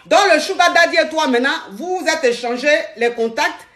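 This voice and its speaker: A woman's voice: sits high, brisk, fairly bright tone. A woman hosting a live call-in advice stream, playful and repeating her phrases.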